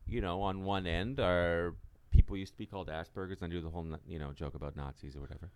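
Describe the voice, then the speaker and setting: A man with a low, smooth voice talks in a loose, chatty ramble. His tone is dark and relaxed, and he halts and restarts as he spins out anecdotes, quoting both sides of exchanges. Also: dry recording. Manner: talkative, halting, acts out quoted exchanges in anecdotes. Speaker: podcast co-host and solo stage performer. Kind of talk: casual rambling chat.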